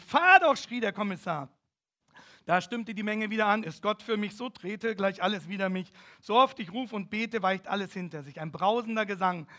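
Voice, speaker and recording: A man's voice: high-pitched, bright, forceful tone. A man preaching a sermon, reading a story aloud and driving key phrases home with emphatic, swelling declamation. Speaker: pastor.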